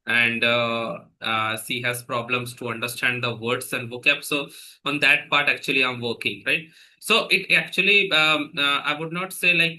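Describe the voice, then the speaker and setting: A man with an Indian accent talks through ideas in a very bright, sharp voice, checking in with "right?" as he goes. He is an English trainer in a relaxed podcast conversation. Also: medium pitch, rough recording. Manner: chatty, explains with examples and frequent "right?" tags.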